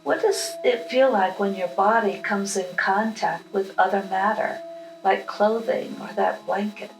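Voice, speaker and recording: A woman with a medium-pitched voice leads a guided meditation with affirmations, calm, unhurried, and instructional. Music plays behind her in a roomy, echoing space.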